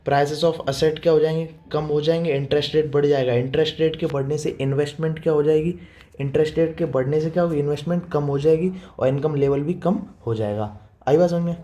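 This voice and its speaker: Quick-talking young male economics teacher. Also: on the high side, steady tone, warm tone, dull audio. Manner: repetitive, checks understanding with frequent 'theek hai'; quick, informal teaching tone, addresses students as 'beta'. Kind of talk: classroom lecture explaining diagrams.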